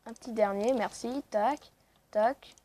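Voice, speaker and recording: A woman with a high-pitched voice narrates her game as she plays. She talks casually, mocks herself and fills pauses with quick asides. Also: warm tone. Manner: chatty, self-mocking, lots of "voilà" fillers. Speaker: let's play host. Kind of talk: casual gaming commentary.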